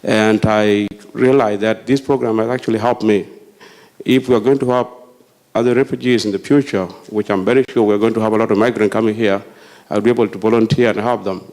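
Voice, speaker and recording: Halting low-voiced man from South Sudan. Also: a little mellow. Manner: halting, many "you know" fillers. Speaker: forum participant. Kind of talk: public remarks at a community forum.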